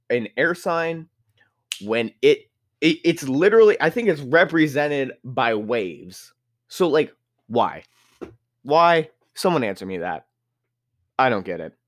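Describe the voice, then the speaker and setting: A young man from California hosts a casual solo podcast. He rambles, gets excitable, swears often, and his pitch jumps up when he gets worked up.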